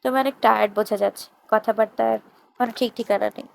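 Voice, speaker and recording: A level-headed young wife scolds her husband in a dry, matter-of-fact way, as a woman storyteller reads her. The voice is a little high with some gravel. It is a storybook reading. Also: fairly even intonation, fast, low-quality recording.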